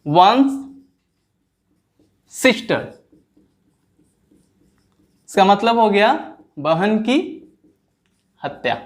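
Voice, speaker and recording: A man teaching an exam vocabulary lesson, repeating each word slowly and drawing it out as he checks that his students understand. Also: high-pitched, animated. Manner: asks students questions and checks their understanding.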